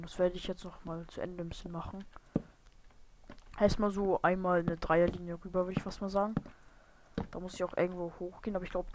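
A woman giving casual gameplay commentary on a desk microphone, muttering and whispering asides to herself, now and then bursting into loud startled shouts. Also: lowish voice. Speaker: let's play gamer. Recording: noisy home mic with hiss and clicks.

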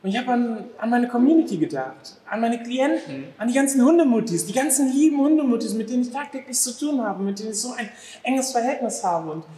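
Speaking very fast in a very high-pitched voice, this Afghan-born guest in his thirties works as a dog behavior therapist. His casual interview talk is animated, and he plays out the exclamations of dog owners like small skits. An empty restaurant hall gives the audio a strong echo.

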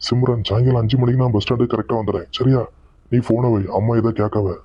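Man voicing a fast-talking cartoon son. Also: medium pitch, steady tone, husky, no room sound, lightly acted. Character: young husband and son, hurried and defensive. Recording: dull lo-fi dry audio.

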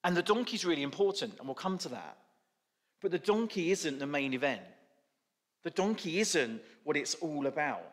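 A man's voice: fairly high pitch, expressive, moderate pace. A male preacher giving a sermon, telling a story with informal asides. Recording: echoey church hall.

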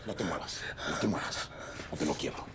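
Threatening male gunman, very deep and gravelly, wildly varied pitch. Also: very animated, quick pace, heavy background noise, full character voice. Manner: low, threatening commands.

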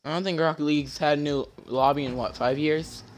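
A young man commentating his own gameplay, excitable, yelping and shouting at plays, faint game music behind. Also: on the high side, brisk, heavy background noise. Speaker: gamer.

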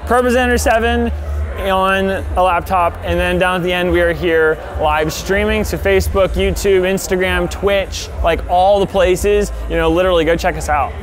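Excited young man touring a gym hall. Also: high voice, moderate pace, a little hiss or hum. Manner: excited, rambling tour talk. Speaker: live production director. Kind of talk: on-site walkthrough. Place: large gym hall, indoors.

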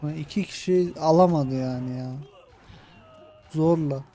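A man's voice: fairly high pitch, steady tone, unhurried, warm tone. A man with a Turkish accent commenting on his own strategy gameplay, muttering his plans and growing frustrated as attempts fail. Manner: frustrated muttering, talking himself through tactics. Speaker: gaming channel host. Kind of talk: let's play commentary.

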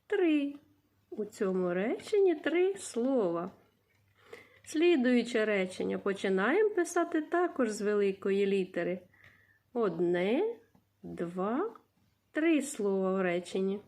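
A woman teacher with a Ukrainian accent giving a reading lesson to young children, sounding out syllables in a sing-song way and coaxing the class with gentle questions. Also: on the high side. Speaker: primary school teacher.

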